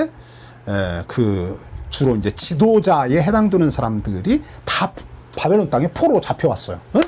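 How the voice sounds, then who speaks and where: A man's voice: on the high side, darkish tone, a little hiss or hum. A man teaching from the Bible as a pastor, asking his listeners questions and answering them himself.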